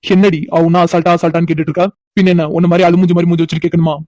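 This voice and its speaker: Woman doing a pushy teasing young guy for a cartoon, rattles it off in a flat low dark voice, dry sound. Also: rapid-fire, dry recording, close to an everyday voice. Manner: teasing, insistent, mocking. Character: cocky teasing young man, stubborn and pushy. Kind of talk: cartoon voice acting.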